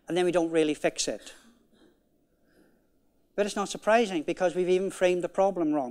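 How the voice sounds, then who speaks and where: A man's voice: on the high side, a little mellow. A man giving a conference keynote talk in an emphatic, conversational way, often repeating key phrases. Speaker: keynote speaker. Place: conference hall.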